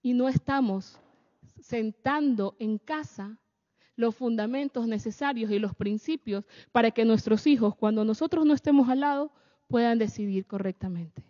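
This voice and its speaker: Woman preaching to a crowd, high voice, keeps asking "right?", echoey hall, kinda muffled. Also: moderate pace, warm tone. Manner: keeps checking in with the audience with rhetorical questions. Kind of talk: sermon-style talk to an audience. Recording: echoey hall, dull lo-fi sound.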